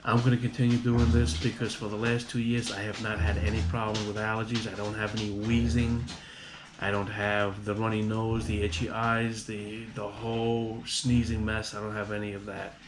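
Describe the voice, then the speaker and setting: Man with a low, flat voice rambling. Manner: rambling, halting, many restarts and fillers. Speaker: vlogger. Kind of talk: casual home remedy vlog. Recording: audible background noise.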